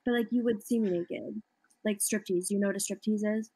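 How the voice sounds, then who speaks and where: A woman's voice: medium pitch, steady tone, brisk, dark tone, breathy edge, dry recording. A woman in her twenties chatting on a webcam, giggly and chatty, filling her talk with "like". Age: 20s. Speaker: stranger on a video chat site. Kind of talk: casual video chat. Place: indoor room.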